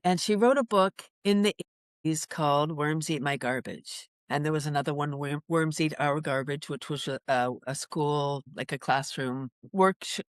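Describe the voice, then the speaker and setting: A woman from Canada, a laughter yoga teacher, chatting as a guest in an interview in an enthusiastic, animated way, often breaking into laughter. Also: deep voice, no room sound, studio quality. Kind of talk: casual interview chat.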